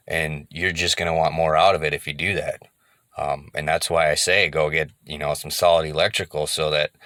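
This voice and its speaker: Low-voiced easygoing man rambling about gear. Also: sharp tone, no echo, studio quality. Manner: rambling, easygoing, repeats himself. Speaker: car audio hobbyist. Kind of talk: casual vlog talk to camera.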